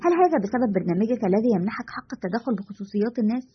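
A woman voicing a bored, sharp-tongued young witch with a sulky, teasing manner, in a dull lo-fi recording. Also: fairly high pitch, expressive, racing, slight background noise, close to an everyday voice.

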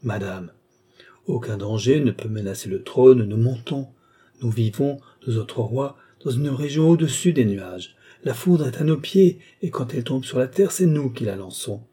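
Man doing a phlegmatic young prince for an audiobook, dark voice, measured and level. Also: mid-range voice, husky. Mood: proud. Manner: calm, measured, explaining. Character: calm, cold young prince, rational husband. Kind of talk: audiobook character reading.

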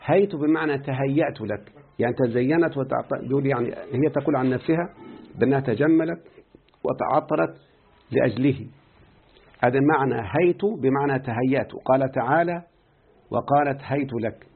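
A man with an Egyptian Arabic accent teaching a grammar lesson, who keeps quizzing his student and slowly repeats words. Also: medium pitch, gravelly, husky. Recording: tinny phone-like line.

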